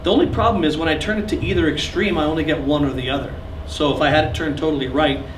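Captured by a camera at the rear of a small classroom, the recording is distant, echoey and noisy. The man, in his thirties, has a fairly high voice and talks quickly, gesturing as he explains gear at his live recording clinic and joking with the seated audience.

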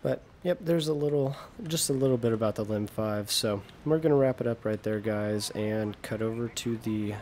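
A man's voice: lowish voice, normal speed, hardly any pauses, darkish tone, a little hiss or hum. A young American man giving casual, self-deprecating commentary over gameplay, often trailing off mid-sentence. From United States. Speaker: gaming video creator.

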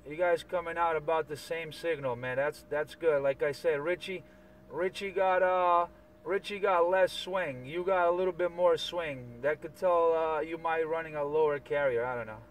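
A man chats casually on CB radio, handing out signal reports and frequently saying things more than once. His voice is a little high and moderately paced. The transmission comes through distant and heavily noisy.

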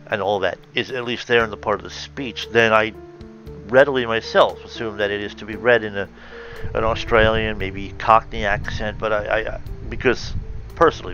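A man reading fan fiction aloud and stopping often to comment, thoughtful and halting with many fillers and self-corrections. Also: on the low side, bright, forceful tone, highs cut off. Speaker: reader and reviewer of fan fiction.

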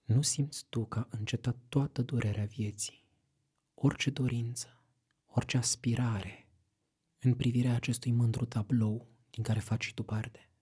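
A dreamy young lover speaks in a hushed, fervent murmur, read by a man. The voice is dark and very husky, and it keeps its breathy softness all the way through, as if pressed close to the listener. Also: medium pitch, fairly even intonation. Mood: tender.

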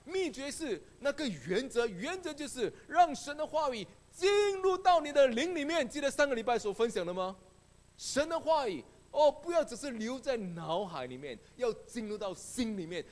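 A male pastor preaching a sermon, telling a story with animated delivery and acting out the voices of the people in it. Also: very high-pitched, normal speed.

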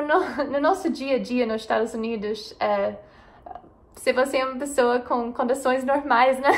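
A young American woman, a native English speaker, giving a bilingual language lesson with an American English accent in her Portuguese. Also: sits high. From United States. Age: young adult. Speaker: English teacher and channel host. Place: indoors beside a whiteboard.

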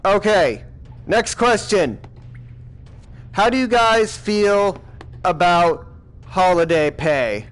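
A man with a high voice plays a bossy villain in a comedic game session. He keeps a mock-stern, exasperated tone, scolding his crew. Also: expressive, slow, long pauses, a bit bright, clear, resonant tone. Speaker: gamer playing a villain boss. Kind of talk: comedic gaming role-play.

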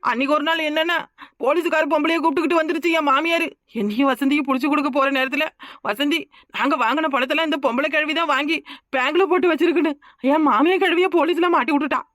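A quarrelsome young village wife in a cartoon, played by a woman, pouring out her grievances. She talks high and quick in a stream of complaint. The recording is close and dry. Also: a bit bright, no room sound. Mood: lamenting. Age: young adult. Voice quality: rapid, complaining talk. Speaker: cartoon character. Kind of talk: cartoon voice acting.

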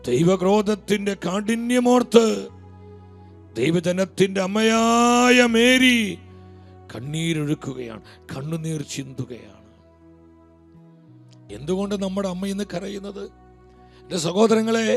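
A Malayali man delivers an impassioned sermon in a high, gravelly voice. He presses his questions with pleading force, then sinks to a hushed, low tone. Soft music plays faintly behind him.

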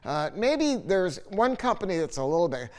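Speaking off the cuff at a moderate pace, a sixty-something American audio dealer reviews a speaker on camera from his spacious living room at home. His smooth, resonant voice swings widely in pitch as he wanders, storyteller-style, through salty, opinionated points. The high ceiling gives his voice a long, ringing reverb.

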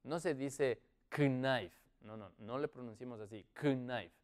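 A man with a Latin American Spanish accent teaching children English words, encouraging them and drawing out each word slowly for repetition. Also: medium pitch. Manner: slow, drawn-out model pronunciation; lively, encouraging, repeats words.

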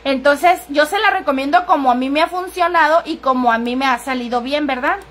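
A woman's voice: sits high, fairly quick, a bit bright. A middle-aged woman, chatting crudely and casually while selling on a livestream and answering viewers' comments. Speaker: livestream seller.

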